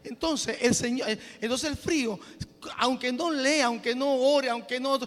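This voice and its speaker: In a large church hall, a man with a very high, fairly bright voice preaches to his congregation at a measured pace. While exhorting, he stumbles and restarts as he explains things and often breaks in with praise to God.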